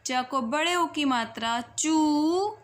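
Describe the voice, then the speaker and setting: High-voiced teacher drawing out every vowel. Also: female voice. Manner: stretches vowels slowly and clearly, coaxing children to repeat. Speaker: primary school Hindi teacher. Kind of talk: children's phonics lesson.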